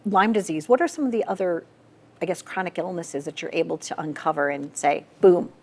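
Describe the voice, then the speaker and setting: A woman's voice: fairly low pitch, darkish tone. Chatty woman host in her late fifties. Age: 50s. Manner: curious, chatty, quick back-channel replies. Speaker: talk show host. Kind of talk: casual interview chat.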